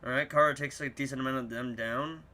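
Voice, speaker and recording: A man's voice: medium pitch, fast. Young guy streaming a fighting game, hyped and jokey, chatting with chat. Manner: excitable, joking, talks to chat. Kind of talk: casual gameplay commentary to chat.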